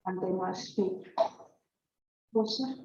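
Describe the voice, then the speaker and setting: Slow, mellow woman. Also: mid-range voice, level tone. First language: Afrikaans. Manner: halting, self-correcting, emotional. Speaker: church member giving testimony. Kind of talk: personal church testimony. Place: church hall. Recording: echoey church hall, distant dull mic.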